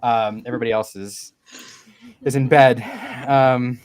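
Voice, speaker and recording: A man's voice: mid-range voice, fairly even intonation, measured pace, clean tone, no room sound. A man hosting a casual group chat over a video call, chatty and laughing as he tells stories. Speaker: livestream host.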